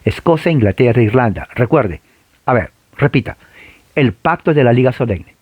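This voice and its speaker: A man's voice: medium pitch, lively intonation, normal speed, husky, no echo, phone-quality sound. A man lecturing on church history, who stresses and repeats key points, often tags on "eh" and "¿no?", and has his listeners repeat after him. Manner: frequent filler "eh" and tag questions.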